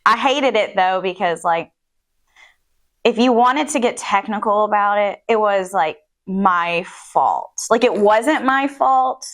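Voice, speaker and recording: A woman's voice: mid-range voice, lively intonation, slow pace. Young woman chatting in an interview, lots of um and like, normal mid voice. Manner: chatty, many ums and likes, laughs often. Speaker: interviewee, water quality chemist. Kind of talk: casual recorded interview.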